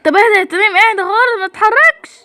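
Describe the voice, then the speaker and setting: A girl with an Egyptian accent voicing a calm, protective mother in a soothing, gently commanding tone. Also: very high-pitched, very fast.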